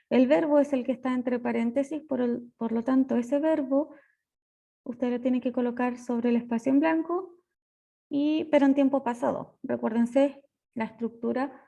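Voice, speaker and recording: A Chilean woman teacher talks her students through grammar rules one step at a time. Her voice sits high and a little mellow, with a gravelly edge, and she slows down to stress what matters. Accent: Chilean Spanish. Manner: patient step-by-step explaining, slows on key words. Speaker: English teacher. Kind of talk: recorded lesson explanation.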